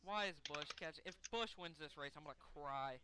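A young man reacting live to a race as channel host, excitable and swearing as he pleads with the drivers. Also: a little high, fairly quick, noisy background.

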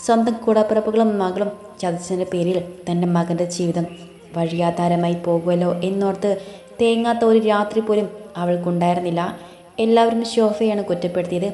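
A woman narrating an audiobook story in an even storytelling manner. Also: on the low side, a little fast. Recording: echoey room with faint music.

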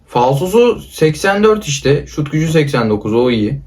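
A man doing excitable casual commentary over a football video game with a friend, calling out player names. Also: on the high side, moderate pace. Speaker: gaming YouTuber.

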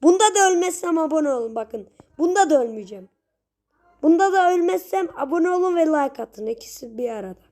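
A young woman giving casual gameplay commentary, chatty with her viewers and prone to sudden shrieks and yells at the game. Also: sits high, expressive, a little fast. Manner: chatty, talks straight to viewers. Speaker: gaming channel host.

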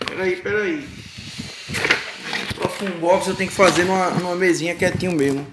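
A Brazilian man with a Brazilian Portuguese accent, vlogging an unedited unboxing in an excitable, chatty way, exclaiming often and muttering while he works. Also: sits high, a little fast, noisy background. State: moved, close to tears. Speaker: YouTube vlogger unboxing a fan's gift. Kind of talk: casual unedited unboxing vlog. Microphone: handheld phone or camera, shaky.

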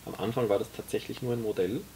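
A man in his forties with a low, gravelly voice explains his vision at length, pausing often with fillers. He talks in a small tea café, picked up by a camera mic a few metres off. A faint hiss sits under the recording. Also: fairly even intonation, dark tone. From Austria. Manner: explanatory, many hesitations. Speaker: guest, author. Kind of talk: casual conversation.

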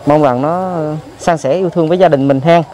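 A man with a Southern Vietnamese accent who hosts a vlog, interviewing gently and prompting with frequent soft acknowledgements. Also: a little high, brisk, noisy background. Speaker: vlog host.

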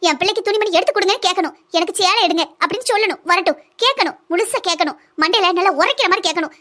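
A woman's voice: extremely high pitch, very fast, a bit bright. A woman voicing an aggrieved village mother in a cartoon, with a southern Tamil accent, lamenting and scolding at length. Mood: resolute. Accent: southern Tamil (Kanyakumari-Tirunelveli). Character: aggrieved village mother, brooding and sharp-tongued. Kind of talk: cartoon voice acting.

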